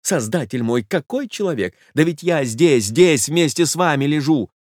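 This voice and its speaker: A man voicing a flustered jealous gentleman who whines and panics. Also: a little high, animated, moderate pace, no echo, clean studio sound. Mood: frantic. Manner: panicky, whining. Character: flustered jealous middle-aged man hiding.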